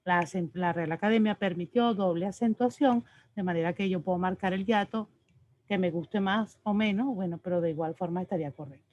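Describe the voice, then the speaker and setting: Speaking a little fast in a lowish voice, a female teacher walks her class through spelling and pronunciation rules online. She is patient and explanatory and keeps asking "ok?" to check in, and the lo-fi recording is slightly dull.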